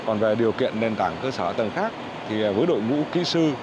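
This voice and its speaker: A man speaks formally in a news interview, stumbling now and then over fillers. His voice sits on the low side. The recording was made outdoors, with vehicle noise clearly heard behind him. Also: expressive, fast, dull audio. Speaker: coal company manager interviewed.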